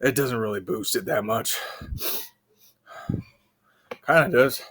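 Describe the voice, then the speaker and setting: Man talking slowly while burping. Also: mid-range voice, fairly bright tone, husky. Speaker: video creator. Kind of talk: casual rambling vlog talk with freestyle rhyming.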